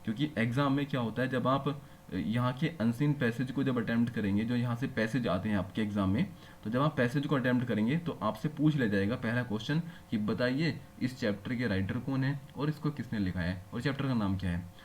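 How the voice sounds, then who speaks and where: A man's voice: mid-range voice, a little fast, slight background noise. A male teacher giving a classroom-style lecture, explaining patiently and often asking his students whether they follow. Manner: explains patiently, checks understanding with frequent rhetorical questions.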